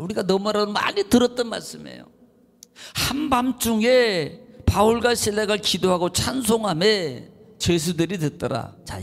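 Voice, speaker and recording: A man preaching a sermon as a pastor, animated and swinging between low murmurs and raised exclamations. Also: creaky. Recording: long hall reverb.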